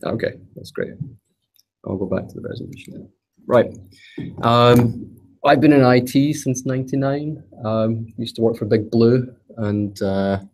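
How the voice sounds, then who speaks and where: With a warm, fairly low voice, a Scottish man delivers a technical talk to a meetup room and an online audience. He comes across as hesitant, filling pauses frequently and adding touches of self-deprecating humor.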